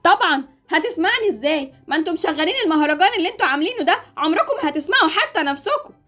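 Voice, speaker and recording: An Egyptian woman acts out a fed-up housewife in a game drama, scolding and theatrical. She talks very fast on a high, lively voice. Faint music runs underneath. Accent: Egyptian Arabic. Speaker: channel creator voicing a game series.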